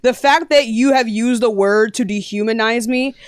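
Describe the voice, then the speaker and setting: A woman's voice: fairly high pitch, moderate pace, dry recording, clean studio sound. A young woman hosting a live-stream debate, blunt and combative, often talking over her guests. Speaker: livestream debate host.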